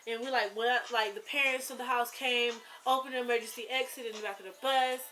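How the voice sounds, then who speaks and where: A young woman vlogging, telling a scary story in a rambling, animated way with lots of fillers. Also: on the high side, quick pace, faint music behind, poor audio. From rural US South. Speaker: YouTuber. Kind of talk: casual storytelling vlog.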